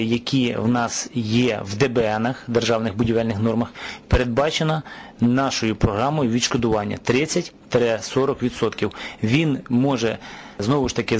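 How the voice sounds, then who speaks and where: A man in the role of a government official walks listeners through a state support program. His delivery is measured and explanatory, pausing now and then on a filler as he lays out each step. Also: mid-range voice, husky.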